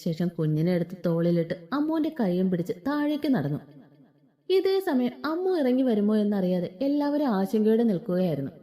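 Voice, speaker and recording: A woman's voice: fairly high pitch, warm tone. A woman narrating a written story expressively. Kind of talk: scripted narration.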